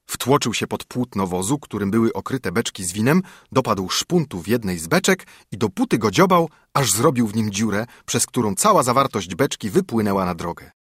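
A man reading a fairy tale aloud, expressive storybook narration on a close mic. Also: lowish voice, moderate pace, hardly any pauses, slightly rough, no echo.

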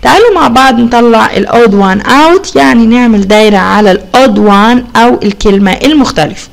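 An Egyptian woman teaches young children English, pulling the example words out slowly and tossing questions to the class. Her voice sits a little high and carries a gravelly rasp. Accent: Egyptian Arabic. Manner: slow drawn-out English model words, lively teacherly questions.

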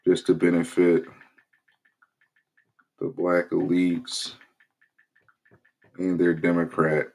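The host of a political commentary channel, a man with a low voice and vocal fry, speaks slowly and pauses often. In this casual vlog promo he is relaxed and rambling, with lots of fillers and restarts.

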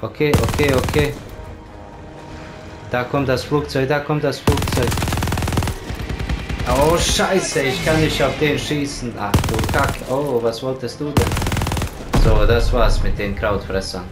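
A male gamer talking through his play in a relaxed, slow way, cursing often and repeating words as he urges things along. His voice sits at an ordinary middle pitch. Loud game music and gunfire play under him. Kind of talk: casual gameplay commentary.

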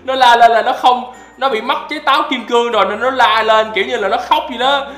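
A man doing excitable gameplay commentary as a YouTuber, often breaking into loud exclamations. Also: very high voice, quick pace, roomy sound. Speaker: gaming YouTuber.

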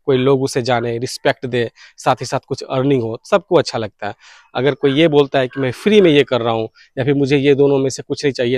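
Here a man in his thirties, a radio hobbyist blogger, speaks in a mid-range, slightly mellow voice. He earnestly and casually explains things to viewers in a vlog to camera, mixing in English words, from an outdoor balcony or rooftop beside fields. The lapel mic recording is dry and clean, like a studio.

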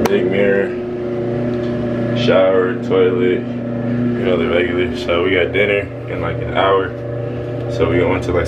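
A young man talks into a handheld camera, joking and slangy as he shows his team trip. His voice sits a bit low. Loud noise runs under the recording. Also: lo-fi sound. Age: young adult. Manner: joking, slangy, teasing friends. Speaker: college basketball player vlogging. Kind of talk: casual vlog chat. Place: bus, hotel room and restaurant. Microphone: handheld camera at arm's length.

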